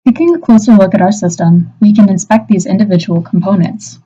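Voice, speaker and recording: A woman's voice: medium pitch, brisk, mellow, breathy edge. A young adult woman reading a scripted infomercial-style product explanation as a student presenter. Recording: dull, band-limited voice recording.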